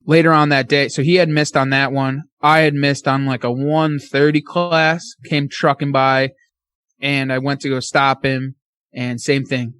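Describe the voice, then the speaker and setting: A man guesting on a podcast, excitedly telling a casual story full of fillers and slang. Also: medium pitch, unhurried, clear, resonant tone, no room sound.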